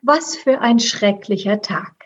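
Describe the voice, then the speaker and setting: A woman's voice: fairly high pitch, measured pace, slightly rough. A woman voicing a worried, fussing rat lady who whispers and scolds in a storybook reading. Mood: whispering. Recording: dull lo-fi.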